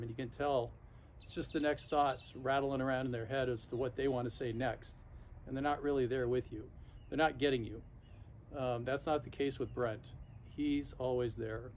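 Outdoors on his backyard patio, sitting in an ice bath, a man in his fifties or sixties speaks casually and without a script to a camera or phone placed a few feet away. His voice sits in the mid range, and his thoughtful, halting speech includes pauses mid-sentence. Clear ambient outdoor sound fills the background.

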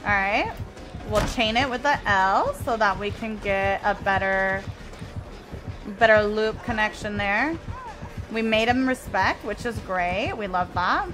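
A Mexican woman whose first language is Spanish streams live gameplay, chatting with viewers and reading and answering their messages while she plays. Her mid-range voice moves a little slowly over music.

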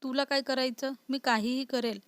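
A woman voicing an indignant young wife who is easily scared and quick to sulk. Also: high-pitched, steady tone, clear, resonant tone, no room sound, lightly acted. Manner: indignant, sulky.

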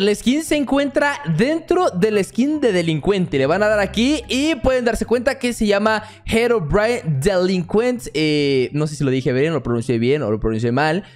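A young man from commenting on his gameplay with excitement, talking straight to his viewers. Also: sits high. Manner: excitable, addresses viewers as family. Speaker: gaming YouTuber.

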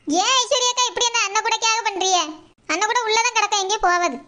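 A woman voicing a calm, comforting village mother with a Tirunelveli Tamil accent. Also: very high-pitched, fast talker. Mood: reassuring. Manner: soothing, reassuring. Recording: loud hiss behind voice.

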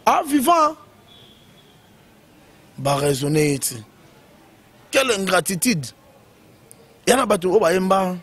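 A man's voice: sits high, sing-song, slow, pauses often, a bit bright. A man giving casual, emphatic commentary on music news in short bursts full of fillers.

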